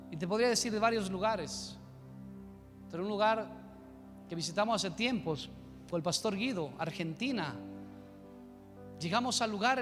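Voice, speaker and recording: A man preaching a sermon as pastor, telling a story and then pressing his point with fervor. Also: sits high. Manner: storytelling, rising to fervent preaching. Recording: reverberant church hall with music.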